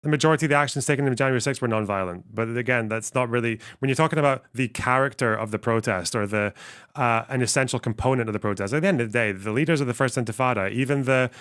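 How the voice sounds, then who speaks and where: A man's voice: mid-range voice, fast talker, a bit bright, clean tone. A young man streaming as he reacts to a debate, talking bluntly and sarcastically, swearing and thinking aloud. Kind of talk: casual reaction commentary.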